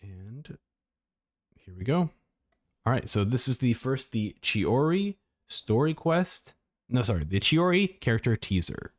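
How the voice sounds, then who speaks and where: Reacting to game trailers on a live stream, a man rambles informally, thinking out loud as he chats. His medium-pitched voice has a sing-song quality, and he speaks a little slowly.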